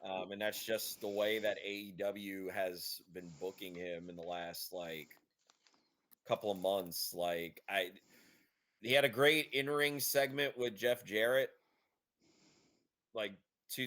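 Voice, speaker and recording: A man's voice: fairly low pitch, steady tone, unhurried, fairly bright tone. A man co-hosting a podcast, sharing opinions in a rambling, casual way. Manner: rambling, many fillers and restarts. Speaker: podcast co-host. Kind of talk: casual chat.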